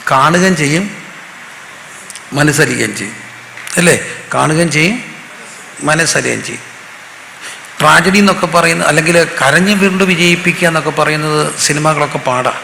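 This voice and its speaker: A male pastor from Kerala preaching to a live congregation, his voice sitting a little high and sounding gravelly and bright. He keeps drawing the room in with questions and waits for them to answer back. The sound rings through a church hall with a long reverb and a faint hiss. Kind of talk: sermon.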